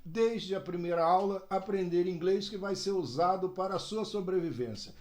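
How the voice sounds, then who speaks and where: A man teaching an English lesson to learners, lively and direct, slowing down to model phrases. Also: high voice. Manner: addresses learners directly, frequent "né?" and "ó". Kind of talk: video language lesson.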